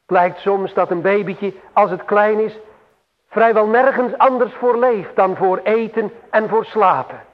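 A man preaching a sermon slowly and solemnly, with emphatic swells and long pauses. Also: sits high. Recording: tinny phone-like radio broadcast with long hall reverb.

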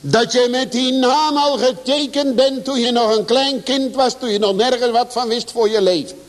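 A man preaching a sermon to a congregation, swinging his pitch and volume for emphasis. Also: normal speed. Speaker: pastor. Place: church. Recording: long church reverb.

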